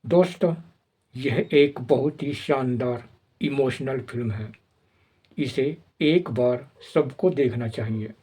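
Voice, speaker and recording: A man narrating the plot of an old film in plain, steady storytelling. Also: mid-range voice, slow, breathy edge.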